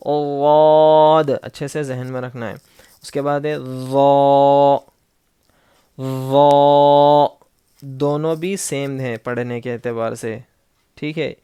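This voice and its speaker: A man teaching Quran recitation in an online lesson. He holds each letter sound slowly and patiently, then explains it in quick asides. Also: medium pitch, warm tone, clear, resonant tone, dry recording. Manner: patient, instructive. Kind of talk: online Noorani Qaida lesson.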